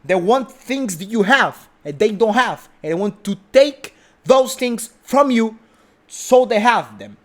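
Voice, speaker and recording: High-pitched and expressive, a young man talks unhurriedly through a motivational monologue. He is emphatic, circles back over his points, and keeps tossing in "right?"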